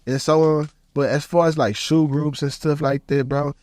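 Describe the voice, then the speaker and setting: A man's voice: a little high, normal speed, dry recording, studio quality. A man, hosting a casual podcast and telling stories in slang, leaning on "bro". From Houston, Texas. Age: 30s. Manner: animated storytelling, slangy, repeats "bro". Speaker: podcast host.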